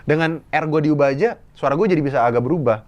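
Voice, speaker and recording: A man's voice: fairly high pitch, fast, dull audio. A young man, a guest comedian and impressionist, chatting casually and acting out the voices of people in his stories. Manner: animated storyteller who acts out quoted voices. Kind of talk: casual chat.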